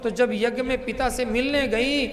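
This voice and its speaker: High pitched guy doing a devotional katha, big reverby hall, music playing under. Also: moderate pace. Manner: expressive, chants Sanskrit verses. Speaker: katha preacher. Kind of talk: devotional storytelling sermon.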